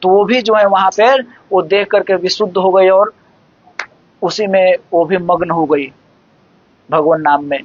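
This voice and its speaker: Slow, measured devotional discourse voice. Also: mid-range voice, dry recording. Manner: measured, explanatory, recites verses slowly. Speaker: devotional scripture expounder. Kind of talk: devotional discourse explaining scripture. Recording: dull lo-fi dry recording.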